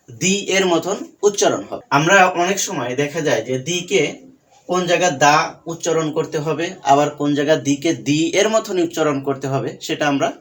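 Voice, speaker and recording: Man teaching a patient grammar lesson. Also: a little high. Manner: patient, repeats key points and asks quiz questions. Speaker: English teacher.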